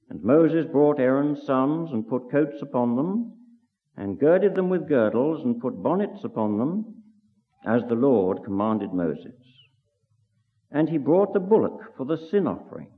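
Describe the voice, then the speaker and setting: A man giving a solemn, measured scripture reading at a religious meeting, heard on an old tape recording made in a meeting hall. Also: mid-range voice. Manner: measured, declaiming delivery. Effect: old 1963 tape recording. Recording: tinny old recording, long hall reverb.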